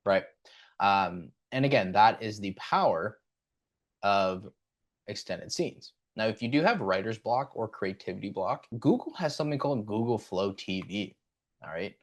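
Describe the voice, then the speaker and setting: Guy walking thru an ai video tool, laid back, lots of ums, lowish voice. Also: moderate pace. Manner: relaxed, with frequent fillers. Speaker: tutorial host. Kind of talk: casual screen-recording tutorial.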